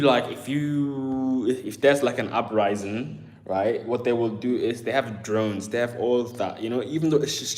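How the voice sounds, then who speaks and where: A livestream host with a darkish, mid-range voice chats casually with his viewers, rambling and full of fillers and calling the chat "bro." His accent blends Southern English, German and Ghanaian.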